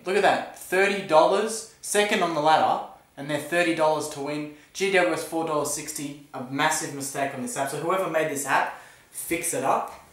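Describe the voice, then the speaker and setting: A man's voice: on the high side, a bit bright, distant mic. Aussie guy doing his footy tips, opinionated and jokey, sits back from the mic in a really echoey room. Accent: Australian. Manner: opinionated, self-mocking jokes. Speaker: footy tipster vlogger. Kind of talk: casual sports preview.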